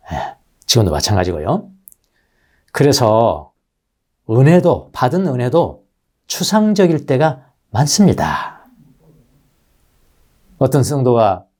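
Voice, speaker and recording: Lively, mellow-voiced male pastor preaching. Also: mid-range voice. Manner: animated preaching, addresses the congregation directly. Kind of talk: sermon. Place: church sanctuary.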